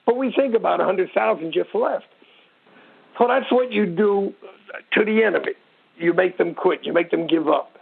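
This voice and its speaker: An older American man, a retired sergeant major appearing as a military expert guest, explains things informally in a high, gravelly, husky voice at normal speed. He is blunt and emphatic, repeating short phrases, and the sound is tinny and narrow like a phone line on radio.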